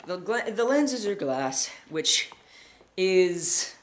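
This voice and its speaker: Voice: medium pitch, very animated, drawn-out words. A collector giving a casual product review, talking in a hesitant, self-correcting way. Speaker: gas mask collector and reviewer.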